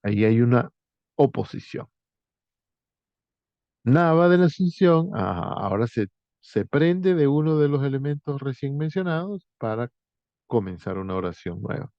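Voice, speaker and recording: A man teacher walking students through a writing exercise, thinking aloud with frequent pauses and restarts. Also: mid-range voice, no echo, lo-fi sound.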